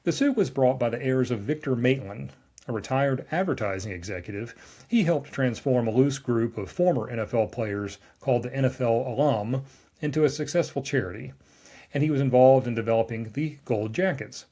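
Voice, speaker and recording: A man's voice: mid-range voice, expressive, normal speed, warm tone. A man, a lawyer reading a scripted explainer with wry, dry asides. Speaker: trademark lawyer recapping a newsletter.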